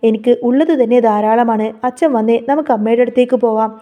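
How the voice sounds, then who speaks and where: A woman voicing a gentle, tearful young woman in a read-aloud story, speaking softly and pleading. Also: on the high side, fairly quick, muffled recording, natural voice.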